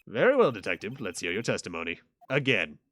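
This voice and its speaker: A man voicing a stern elderly judge in a slow, low, measured way. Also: huge pitch swings, fairly bright tone, full character voice.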